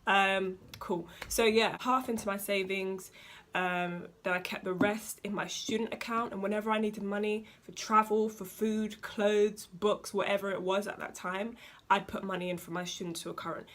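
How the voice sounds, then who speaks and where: A woman's voice: medium pitch, little pitch movement, normal speed, a bit bright. A young woman, giving chatty, emphatic money advice to her viewers with casual slang. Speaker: vlogger. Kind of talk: casual advice talk to camera.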